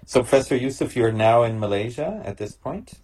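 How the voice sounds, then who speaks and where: A man's voice: mid-range voice, animated, fairly quick, a little mellow, slightly rough. A man, making small talk with eager interjections on a video call. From Canada. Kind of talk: casual video-call chat.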